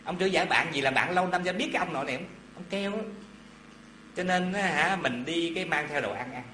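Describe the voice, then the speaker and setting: Guy preaching dharma talk, fairly high voice, roomy echo. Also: fast, a little hiss or hum. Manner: animated folksy storytelling with asides to listeners. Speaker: Buddhist preacher. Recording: echoey hall with faint ambience.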